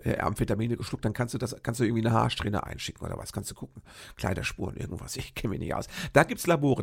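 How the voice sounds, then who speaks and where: A man's voice: mid-range voice, creaky, breathy edge. An older man hosting a podcast, telling a long story in a rambling, chatty way and often turning to his listeners with a questioning "ne?". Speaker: podcast host. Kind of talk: casual storytelling monologue.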